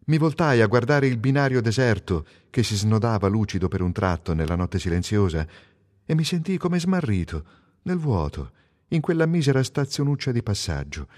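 Man, audiobook narration, first-person story, lively swooping pitch, dramatic slowdowns. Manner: expressive, sweeping pitch swings.

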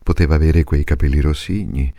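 A man reads literary prose aloud in a very low, dark, gravelly voice. His delivery is measured and intense, with a lively, swooping melody and occasional drops to a hush. The recording is dry and close. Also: dry recording. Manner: slow, measured and intense, with hushed passages. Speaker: reader. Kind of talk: dramatic literary reading.

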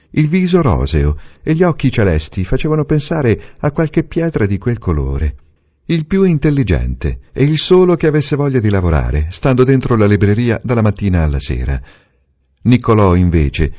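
A man narrating a novel aloud in a measured, expressive reading. The recording sounds dull and lo-fi. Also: deep voice. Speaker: reader. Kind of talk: audiobook narration.

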